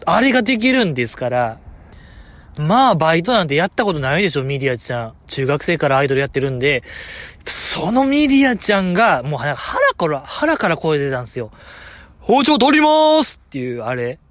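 A man's voice: a little high, sing-song, brisk, a bit bright, dry recording. A young man with a Kansai accent, hosting a solo chat show and rambling enthusiastically like a fan. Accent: Kansai Japanese. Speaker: podcast host.

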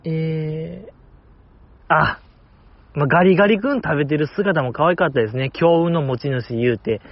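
A man's voice: fairly high pitch, normal speed, highs cut off. A man with a Kansai accent hosting a solo fan podcast, chatting enthusiastically and poking fun at himself. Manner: enthusiastic, chatty, self-mocking. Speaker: podcast host.

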